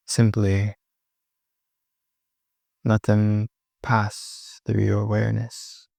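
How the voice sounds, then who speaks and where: A man guides a meditation in a low, darkish voice heavy with gravelly fry, keeping his delivery completely flat. He speaks very slowly and soothingly in short phrases separated by long pauses, recorded in clean studio sound with no echo.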